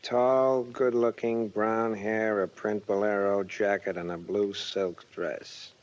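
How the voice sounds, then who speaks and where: Low-voiced slick, sarcastic tough guy. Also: flat delivery, slow pace. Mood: curt, impatient. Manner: curt, demanding. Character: slick, sarcastic, impatient man in a bar. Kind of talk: 1940s radio acting. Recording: muffled 1940s radio recording.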